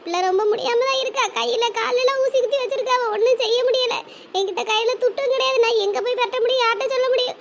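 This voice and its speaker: A woman's voice: extremely high pitch, steady tone, quick pace, a little hiss or hum. A woman voicing an anxious middle-aged village woman in a cartoon drama, going over her worries at length. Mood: pleading.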